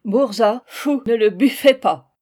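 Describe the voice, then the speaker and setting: Storybook role: female reader voicing a brash tipsy male spirit, German accent, mangled consonants, soft warm tone. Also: a little high, takes it slowly. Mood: blustering. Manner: slurred mangled consonants, loud and blustering.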